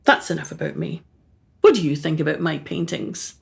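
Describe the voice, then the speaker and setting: In a radio play, a woman with a low, creaky voice portrays a self-absorbed society mother at normal speed. Haughty with upper-class hauteur, she is brusque and imperious, delivering short, clipped phrases.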